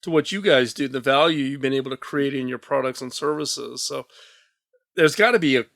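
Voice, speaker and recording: A man's voice: mid-range voice, brisk, creaky, fairly bright tone. A man hosting an interview at a trade show, talking animatedly and often repeating words as he starts a thought. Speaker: podcast host. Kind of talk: conversational interview.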